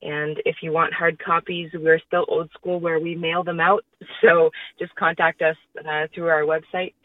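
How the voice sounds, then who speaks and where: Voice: medium pitch, little pitch movement, unhurried, no room sound. A middle-aged musician chatting casually as a guest in a radio interview. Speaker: musician guest in a band duo. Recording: distant phone-like radio call.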